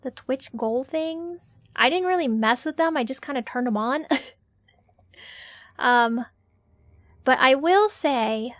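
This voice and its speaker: Cute, high-voiced woman streamer chatting. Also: lively intonation, takes it slowly, long pauses, no echo. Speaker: streamer, VTuber host. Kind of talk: casual livestream chat. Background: faint music.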